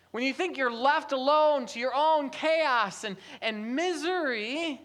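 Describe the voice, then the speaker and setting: A pastor preaching a sermon at a church service, repeating phrases and asking rhetorical questions, moving between a soft low register and raised, emphatic stretches.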